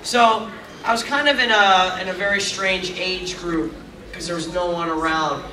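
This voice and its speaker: His voice is high, bright and forceful, with fairly even intonation and a moderate pace: a middle-aged man taking fan questions at a convention panel. The casual Q&A is chatty and rambling, full of self-deprecating asides, and the distant recording of the large hall is echoey and noisy.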